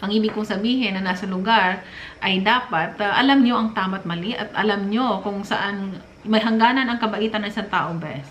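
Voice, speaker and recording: A woman's voice: medium pitch, a bit bright. A middle-aged woman from the Philippines giving casual relationship advice in a chatty, preachy manner, with frequent fillers and little laughs. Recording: roomy room with faint noise.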